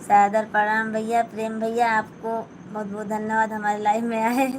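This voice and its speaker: A fairly high, monotone female voice moves at a moderate pace over a rough recording with a little hiss or hum. She is streaming casually from home while sewing, reading each viewer comment and answering it, and her Hindi carries an Awadhi flavour.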